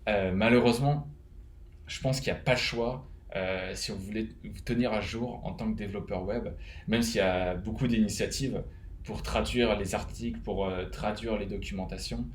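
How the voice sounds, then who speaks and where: A man's voice: fairly low pitch, fairly even intonation, moderate pace, reverberant. A man from France with a French accent, casually giving advice to fellow web developers, rambling with many fillers and restarts. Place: home, living in Canada.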